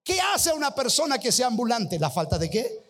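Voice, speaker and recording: A Rioplatense-accented man preaches from a high, ringing register. He drives his sermon with call-and-response and punches key phrases with sudden shouts and dramatic pauses. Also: big pitch swings, breathy edge. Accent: Rioplatense Spanish. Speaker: pastor.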